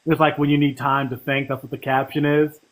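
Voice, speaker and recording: Rambling self-deprecating man, slightly high. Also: little pitch movement, brisk, a bit bright. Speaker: podcast co-host. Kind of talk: casual chat.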